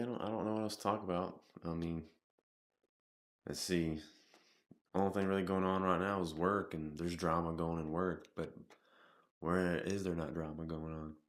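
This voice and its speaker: Very deep-voiced man vlogging with sore throat. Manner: rambling, halting, with many restarts and fillers. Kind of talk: casual vlog monologue.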